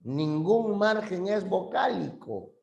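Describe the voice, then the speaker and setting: Male teacher, measured classroom delivery, higher than average voice, patient and repetitive. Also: sing-song, gravelly, darkish tone, reverberant. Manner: patient, repeats key terms, checks understanding. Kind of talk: classroom language lesson.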